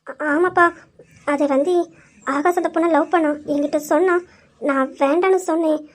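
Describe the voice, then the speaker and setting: A woman's voice: high voice, steady tone, moderate pace, close to an everyday voice. Woman playing a fretful old grandmother. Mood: worried. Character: fretful elderly grandmother, family elder. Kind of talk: amateur family drama.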